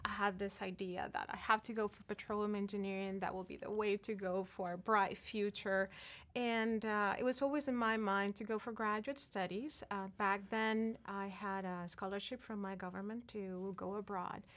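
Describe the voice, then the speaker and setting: A woman's voice: medium pitch, steady tone, moderate pace, a bit bright. Woman in her 40s, professor, conversational interview, filler-heavy, thoughtful. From Venezuela. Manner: thoughtful, many fillers like "you know".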